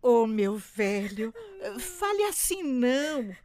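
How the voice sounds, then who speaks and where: A woman voicing a warm, supportive mother in an amateur radio drama, soothing and motherly. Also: fairly high pitch, sing-song, slow. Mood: tender. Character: middle-aged mother, warm, calming, supportive.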